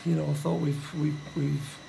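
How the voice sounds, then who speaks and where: Halting middle-aged man, football manager. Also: a little high, flat delivery, vocal fry, warm tone, slight background noise, poor audio. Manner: halting, repeats words, plain-spoken. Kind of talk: post-match interview. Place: indoor room by a stadium door.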